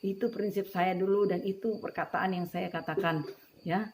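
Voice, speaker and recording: A woman's voice: mid-range voice, steady tone, moderate pace, a little mellow, slight background noise. Woman giving an emotional church testimony. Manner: emotional retelling with frequent "ya" and "puji Tuhan"; addresses listeners as beloved brothers and sisters. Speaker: testimony speaker.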